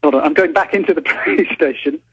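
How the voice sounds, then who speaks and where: A man's voice: fairly high pitch, fast, fairly bright tone, slightly rough. Flustered English man on a muffled phone line. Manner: flustered, apologetic, wry. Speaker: reporter calling in. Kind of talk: phone interview. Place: police station. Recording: dull phone line, noisy crowd.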